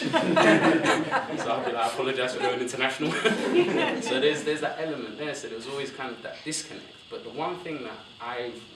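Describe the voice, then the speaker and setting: A young man speaks on a university panel in a discursive, animated way, circling back and correcting himself as he goes. His mid-range voice is picked up from across a roomy lecture hall with a steady hiss of noise underneath. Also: medium pitch, recorded from a distance. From born in Somalia, raised in West London. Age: young adult.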